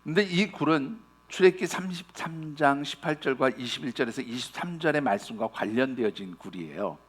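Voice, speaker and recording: A man's voice: medium pitch, expressive, fairly quick, breathy edge. A man preaching a sermon as pastor, speaking earnestly and directly to his congregation and retelling scripture in everyday speech.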